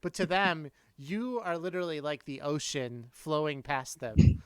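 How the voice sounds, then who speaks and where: A man's voice: a little high, measured pace, clean tone, no room sound. A man hosting a casual podcast chat, telling stories with a laugh. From not from Boston. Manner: chatty storyteller, laughs often. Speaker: podcast host.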